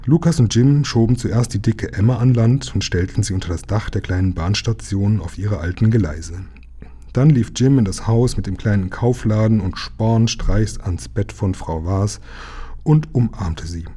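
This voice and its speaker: A man narrating a children's storybook aloud in a calm, even reading. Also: fairly low pitch, moderate pace, slightly rough. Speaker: audiobook reader.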